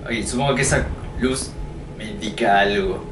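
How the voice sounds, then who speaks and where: A man's voice: on the low side, normal speed, recorded from a distance, noisy background. A man giving chatty gameplay commentary, joking and thinking aloud as he explores. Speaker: let's play gamer. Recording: roomy echo, voice a bit off-mic. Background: game music.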